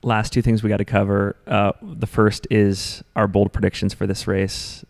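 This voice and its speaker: A man with a gravelly, slightly low voice guides the conversation in a steady, easygoing way. He keeps the talk moving from point to point. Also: moderate pace. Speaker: podcast host. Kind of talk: casual chat.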